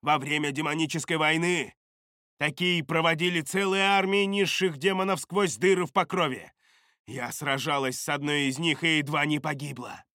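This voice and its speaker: Commanding female war mage, grim and bright, a male narrator doing her lines. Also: a little high, moderate pace, dry recording, clean studio sound.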